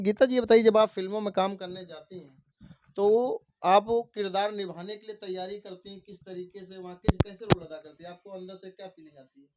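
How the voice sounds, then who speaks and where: High-voiced male news reporter. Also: darkish tone, no echo. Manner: formal, introducing and questioning the guest. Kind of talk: news interview. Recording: slightly muffled, dry recording.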